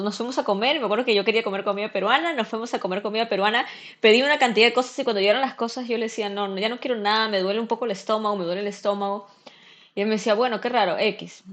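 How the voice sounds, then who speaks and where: Young woman guest chatting casually, kinda high voice, acts out all the voices in her story. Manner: lively, acts out the dialogue of others. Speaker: podcast guest, first-time mother.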